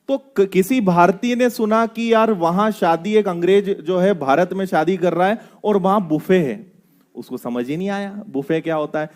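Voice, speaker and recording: A man teaching a classroom, joking and quizzing his students, tagging his points with quick questions. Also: high-pitched, darkish tone. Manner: playful, quizzing students with rhetorical tags. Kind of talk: classroom lecture with jokes.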